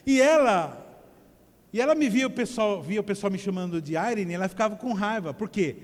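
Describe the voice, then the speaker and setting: A male pastor preaches in a high voice, casual and joking with his congregation while stumbling over and repeating words. His sermon rings with the long echo of a church hall.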